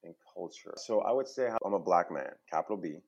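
A very low-voiced man talks earnestly as an interview guest. His sound is a little dull and muffled, as over a remote call. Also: lively intonation, brisk. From New York, USA. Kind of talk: casual interview chat.

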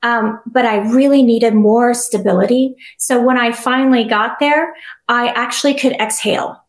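In a roomy-sounding recording, a middle-aged woman speaks softly as an interview guest, recounting her personal story with earnest reflection and frequent restarts. Her voice is a little high, her intonation fairly even, and her pace moderate.

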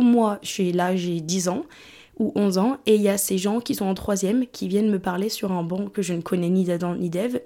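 Mellow-voiced young woman switching French and English. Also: medium pitch. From England. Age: 20s. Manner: switches between French and English mid-sentence; candid, conversational. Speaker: vlogger. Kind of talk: personal monologue to camera.

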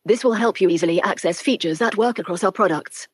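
A woman's voice: medium pitch, quick pace, husky, dry recording. A synthetic female screen reader voice played through a Bluetooth speaker, reading out on-screen labels and buttons. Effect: synthetic speech played through a Bluetooth speaker.

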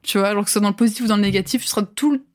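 A woman's voice: medium pitch, racing, a little mellow. A woman in her twenties, a podcast guest, talking casually with many fillers and frequent laughs. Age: 20s. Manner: chatty, lots of fillers, laughs often. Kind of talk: casual chat.

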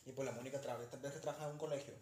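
A young man with a Mexican accent, telling stories in a slangy, animated way on a casual podcast. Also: medium pitch, very fast. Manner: slangy, animated, acts out quoted voices. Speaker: podcast co-host. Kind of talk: casual storytelling chat. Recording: roomy, faint background noise.

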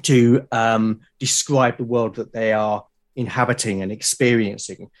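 A British man, creator of a solo role-playing show, appears as a podcast guest in a conversational interview. His voice is average in pitch for a man and steady in tone, and he speaks reflectively and haltingly, often restarting phrases while explaining how he works.

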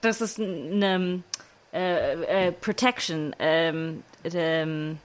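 A woman's voice: on the low side, very slow. Woman, podcast co-host, casual discussion, blunt, word-searching fillers.

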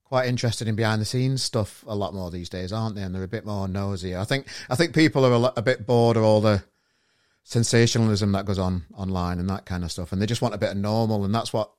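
Man, lowish voice, rapid rambling delivery, casual podcast host. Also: darkish tone. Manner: rambling, stumbling over his questions. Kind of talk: casual interview chat.

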